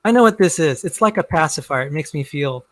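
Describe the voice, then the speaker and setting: A man's voice: a little high, lively intonation, fairly quick, a bit bright, no echo. A man in a casual video-call conversation about creation and science who often stops and repeats words as he restarts. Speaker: guest in a debate on creation and science.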